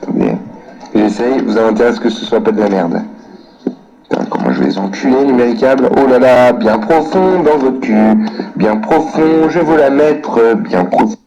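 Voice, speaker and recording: A man's voice: mid-range voice, lively intonation, normal speed, over music. A man ranting furiously at a customer service line, swearing constantly and muttering to himself between calls. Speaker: irate customer on a prank call. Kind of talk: angry phone rant, swearing. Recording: echoey room, recorded phone call.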